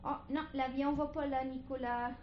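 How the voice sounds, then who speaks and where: A woman, a parent talking to her toddler in a slow, sing-song, coaxing baby-talk voice in a home video. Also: high voice, little pitch movement, noisy background. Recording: echoey, slightly muffled home video.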